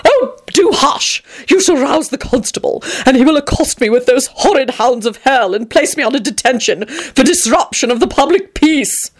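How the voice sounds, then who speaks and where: A woman reading an audiobook voices a flamboyant, fussy and dramatic grown man with an affected, plummy, drawn-out manner. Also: high-pitched, lively intonation, voice pushed up. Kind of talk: audiobook character voice.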